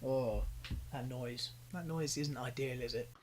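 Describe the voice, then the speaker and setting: A man's voice: mid-range voice, a little slow, noisy background. A young British man giving exasperated, ranting reaction commentary, pleading with the people on screen. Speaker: commentary YouTuber.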